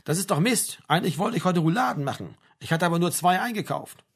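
A woman's voice: on the low side, lively intonation, quick pace, slightly rough, voice pushed up. A man voicing a stern, indignant middle-aged mother who scolds her family in an audiobook. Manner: indignant, sharp, nagging.

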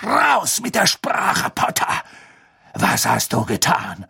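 A man reading an audiobook, voicing an enraged male teacher who shouts in a high, strained voice. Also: normal speed, creaky, breathy edge, no room sound, studio quality, full character voice. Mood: furious. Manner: shouting, spitting rage. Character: furious sneering male potions teacher.

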